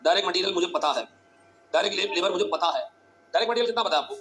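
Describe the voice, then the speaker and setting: A male teacher giving a classroom lecture, talking fast and urgently, repeating phrases and quizzing his students. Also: sits high, expressive, a bit bright, slight background noise.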